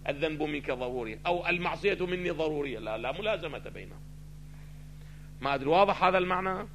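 A man teaching a theology lesson, asking his listeners questions and answering them himself, swinging between loud stressed phrases and quiet asides. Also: a little high, animated, quick pace, slight background noise. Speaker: religious teacher. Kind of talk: theology lecture mixing classical and colloquial Arabic.

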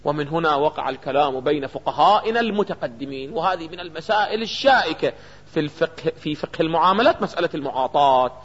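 A man's voice: fairly high pitch, expressive, quick pace, a bit bright, breathy edge. A man with an Iraqi Arabic accent teaching jurisprudence in a seminary lecture, constantly throwing questions at his students and answering them himself. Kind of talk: seminary lecture on a legal text. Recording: reverberant hall, dull lo-fi sound.

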